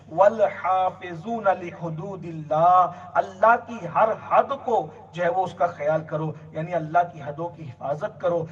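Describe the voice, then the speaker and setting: A man with a fairly high voice preaches a religious sermon and drives his points home through long, repeated lists. He sounds set back from the mic, and the recording is dull and lo-fi. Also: distant mic.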